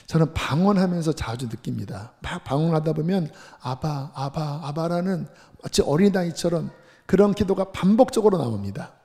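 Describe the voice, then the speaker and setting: A middle-aged man preaching a sermon as pastor, earnest, moving between hushed tender passages and raised emphatic scripture reading. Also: on the high side, animated, fairly quick, creaky. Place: church sanctuary. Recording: long church hall reverb.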